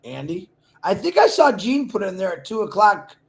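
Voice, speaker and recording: A man with an unusually high voice co-hosts a casual livestream. He makes a pushy promotional pitch and breaks off into laughing asides. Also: sing-song, moderate pace, vocal fry. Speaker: livestream co-host.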